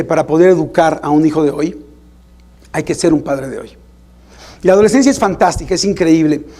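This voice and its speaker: A man with a Mexican accent, a parent himself, giving an informal, animated talk to parents about teenagers. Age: adult parent. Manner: animated, acts out parents and teens in higher voices. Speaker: parenting speaker.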